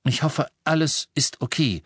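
A man's voice: on the high side, expressive, measured pace, breathy edge, no echo, pitched above the performer's own voice. A man puts on a wry teenage boy wizard in a storybook reading, his voice lifted a little above the reader's own. He answers with dry, guarded irony.

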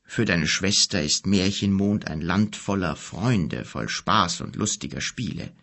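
A solemn, gentle bearded wizard from an audiobook, as a man reads him. He speaks low and unhurried in a gravelly, husky hush. His tone rises and sinks a great deal. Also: expressive, exaggerated voice. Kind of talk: audiobook character voice.

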